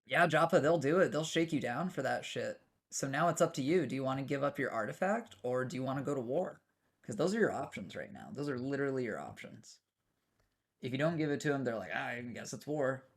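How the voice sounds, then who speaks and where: A man's voice: mid-range voice, animated, a little fast. A young American man streaming a game, rambling casually and answering his chat with many restarts. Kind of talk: casual live-stream chat while gaming.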